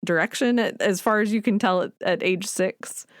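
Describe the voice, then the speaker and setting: A woman in her thirties hosting a podcast interview, warm and encouraging, thinking aloud as she asks questions. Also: medium pitch, normal speed, no echo, studio quality. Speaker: podcast host. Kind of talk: casual interview chat.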